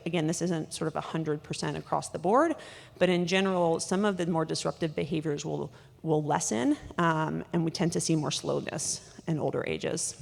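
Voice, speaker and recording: A woman doctor giving a conference lecture, talking quickly with lots of fillers and restarts, in a large conference hall. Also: on the low side, vocal fry. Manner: rapid, with many fillers and restarts. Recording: hall reverb.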